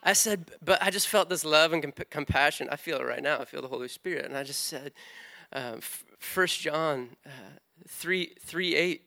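A man telling a lively testimony story during a sermon, with frequent restarts. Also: fairly high pitch, moderate pace, creaky.

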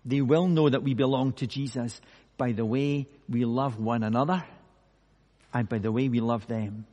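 A male pastor preaching a sermon slowly and emphatically, with dramatic pauses. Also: medium pitch, steady tone, mellow. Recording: long hall reverb.

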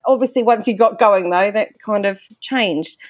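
A woman interviewing a guest, chatty and lively, describing herself as loud. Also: medium pitch, moderate pace, dry recording. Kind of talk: interview conversation.

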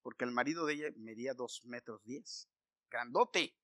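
A man preaching a sermon, telling a personal story and then building to loud, emphatic exhortation. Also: mid-range voice, normal speed, dry recording, clean studio sound.

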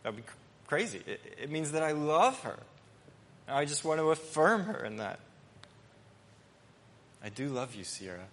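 A male pastor preaching an earnest, emphatic sermon with pauses and restarts. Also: fairly high pitch, sing-song, fairly bright tone, slight background noise. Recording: long hall reverb.

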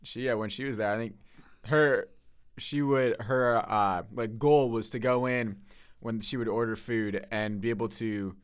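A man co-hosting a faith podcast in casual chat, easygoing and quick to laugh, thinking aloud as he speaks. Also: fairly low pitch, fairly even intonation, clean tone. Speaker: podcast co-host.

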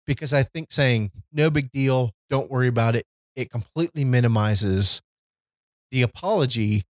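A man's voice: mid-range voice, moderate pace, dry recording. A man co-hosting a podcast, talking earnestly and reflectively about fatherhood and forgiveness, reading scripture aloud. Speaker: podcast co-host. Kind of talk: casual faith-based discussion.

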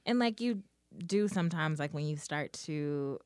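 A woman's voice: low-pitched, expressive, a little slow, a little mellow, clean tone, no echo, clean studio sound. A woman interviewer with a soothing voice, asking questions in a friendly, encouraging way. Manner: friendly, encouraging, asks questions with lots of backchannel. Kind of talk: casual interview.

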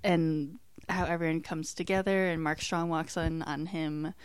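A woman's voice: deep voice, steady tone, a little slow, clear, resonant tone, no room sound. Chatty woman with a dry, close sound. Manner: chatty, laughs often, filler-heavy. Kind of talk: casual chat. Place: American.

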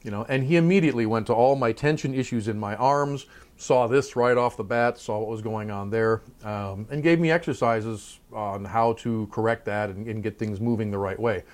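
With a fairly low pitch and a moderate pace, a middle-aged man tells the story of his career as a trumpet player and college professor. The interview is relaxed, and he's reflective, talkative, and fond of tangents.

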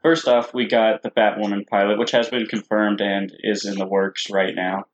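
A man's voice: on the low side, flat delivery, moderate pace, a little hiss or hum. Eager male podcast co-host, lo-fi. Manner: eager, enthusiastic fan talk. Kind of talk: casual podcast chat. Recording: dull lo-fi podcast audio.

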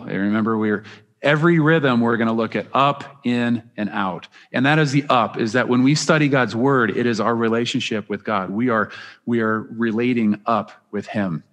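A man's voice: mid-range voice, fairly bright tone. A man preaching a sermon as pastor, earnest and emphatic, often restarting his phrases. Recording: long reverb of a large hall.

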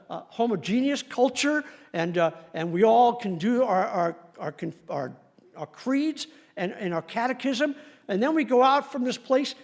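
A male pastor delivers a sermon with a strikingly high voice. He preaches in an animated, emphatic way, swinging widely in pitch and laughing often as he makes his points.

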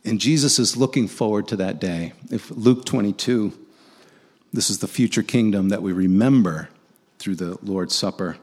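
A man's voice: on the low side, moderate pace, darkish tone, husky. A man preaching a conversational sermon, earnestly asking his listeners rhetorical questions and often restarting his sentences.

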